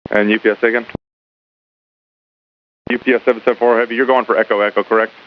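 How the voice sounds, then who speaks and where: A man's voice: medium pitch, level tone, fast. A male air traffic controller giving instructions over radio in a conversational, repetitive way. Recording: phone-like narrow radio with faint hiss.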